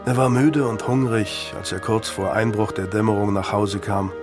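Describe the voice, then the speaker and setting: A man reading an audiobook aloud in scripted narration, with an even storytelling delivery. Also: on the low side, moderate pace, music in the background.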